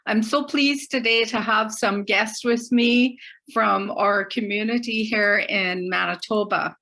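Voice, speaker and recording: A middle-aged woman from Barbados hosting a community talk show, speaking slowly and carefully with many fillers. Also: mid-range voice, steady tone, vocal fry, bright, forceful tone. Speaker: host.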